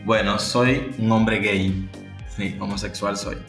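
A man in his twenties from Cuba with a Cuban Spanish accent, a guest in a podcast interview, lively and quick to laugh, often restarting his phrases. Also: on the low side, reverberant, faint music behind. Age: 20s.

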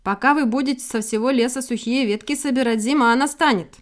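A woman's voice: on the high side, brisk, voice pushed up, lightly acted. A woman voicing a grumbling, sarcastic old male eagle owl in a storybook reading.

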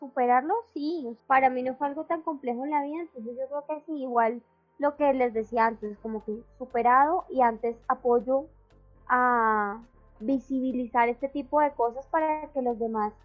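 High-voiced woman speaking reflectively. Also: normal speed, faint music behind. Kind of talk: casual chat. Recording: dull, slightly lo-fi audio.

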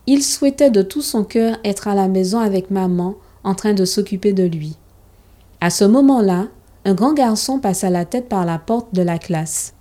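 A woman narrating a children's story in a calm, steady storybook reading. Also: mid-range voice, moderate pace.

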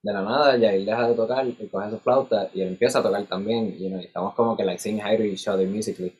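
A man with a husky voice tells stories casually in Spanglish, switching between Spanish and English and acting out dialogue. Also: fairly low pitch, quick pace, rough recording. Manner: animated filler-heavy storytelling with re-enacted dialogue. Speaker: musician in a band.

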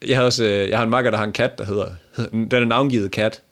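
A man's voice: on the low side, fairly even intonation, a bit bright. A man co-hosting a podcast, chatting casually with a friend, swearing and laughing often. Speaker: podcast co-host. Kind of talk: casual chat.

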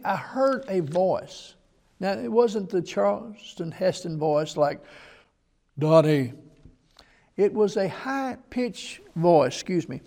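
A man preaches a broadcast sermon. His voice sits high and has a gravelly edge. He tells homespun stories and reads scripture aloud. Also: darkish tone. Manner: folksy storytelling preaching with Bible readings. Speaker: pastor. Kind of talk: televised sermon.

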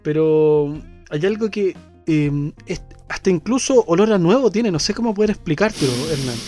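A man's voice: high-pitched, expressive, moderate pace, darkish tone, faint music behind. A man with a Chilean accent, co-hosting a casual radio chat and talking with many fillers and restarts. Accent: Chilean Spanish. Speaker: co-host.

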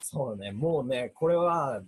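A young man with a Kansai accent, a rock band guitarist chatting on a casual radio show, talking in thoughtful, measured phrases. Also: mid-range voice, animated, darkish tone, breathy edge, no echo. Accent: Kansai Japanese. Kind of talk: casual chat.

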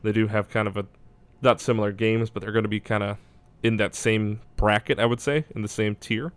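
Casual male sports analyst, low and flat delivery, clean dry sound, works out his thoughts as he speaks. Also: a little fast, clean tone, no room sound. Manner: hedging, thinking aloud. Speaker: basketball draft analyst.

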